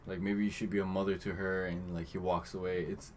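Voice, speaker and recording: A man's voice: low-pitched, level tone, a little fast. A man co-hosting a podcast, casually retelling a movie plot with lots of "like" and loosely acted-out quotes. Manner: retells scenes loosely, acting out quotes with filler words. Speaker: podcast co-host. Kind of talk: casual movie recap chat.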